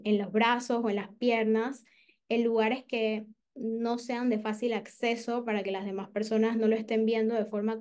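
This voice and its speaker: Woman therapist teaching a class, kinda high voice, says eh a lot, explains things patiently. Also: darkish tone. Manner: explanatory, acts out patients' inner voice in first person; frequent "eh" fillers. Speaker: clinical psychologist teaching a session. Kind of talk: clinical lecture.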